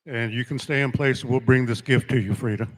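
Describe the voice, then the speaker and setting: A man speaks as a powwow emcee in a medium-pitched voice. He announces honorees and calls people forward. His delivery is ceremonial and deliberate, with pauses between phrases. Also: fairly even intonation, poor audio.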